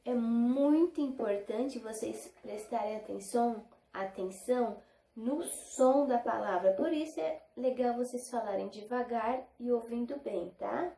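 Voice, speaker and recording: A woman's voice: on the high side, gravelly, warm tone, roomy sound, a little hiss or hum. A woman teaching a lesson to young children in Brazilian Portuguese, patiently stretching out syllables and checking in with short questions. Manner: slow, drawn-out syllables when modelling words. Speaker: primary school teacher.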